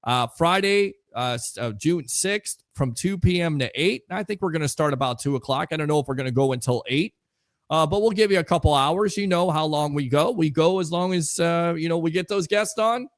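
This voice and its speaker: A man hosting a live sports talk stream, reading out chat comments and giving energetic shout-outs. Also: on the high side, brisk, no room sound, clean studio sound. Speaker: livestream sports show host.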